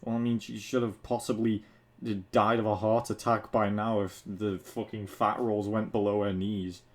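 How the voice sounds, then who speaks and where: His voice is fairly low and level, moving at normal speed as he narrates fan fiction for an online video. Between passages he slips in casual, mocking remarks with some swearing.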